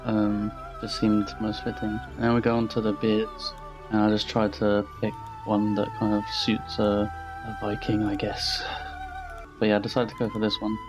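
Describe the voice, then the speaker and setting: A man's voice: lowish voice, monotone, normal speed, over music. A young man casually commenting over his gameplay as a channel host, rambling and blunt with frequent swearing. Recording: slightly dull lo-fi voice-over.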